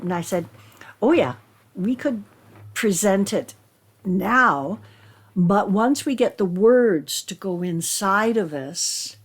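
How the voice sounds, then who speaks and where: A woman actor talking reflectively in an interview, with earnest, deliberate and emphatic phrasing. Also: on the low side, a little mellow. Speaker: stage actor.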